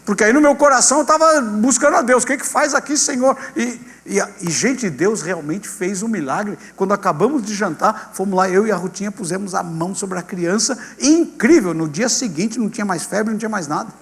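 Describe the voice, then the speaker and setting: A male pastor with a Brazilian accent tells a testimony from the pulpit, voicing each person in the story with lively turns. His voice sits high for a man and rings out with a long hall reverb. A low mains hum runs underneath. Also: fairly quick, few pauses. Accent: Brazilian Portuguese. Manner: animated storyteller acting out dialogue, addressing congregation as "gente".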